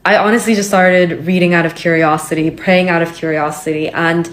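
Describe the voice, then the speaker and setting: A woman's voice: on the low side, fairly even intonation, brisk. A young woman from Hong Kong, a vlogger telling her personal story in a candid, chatty way with many fillers. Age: young adult.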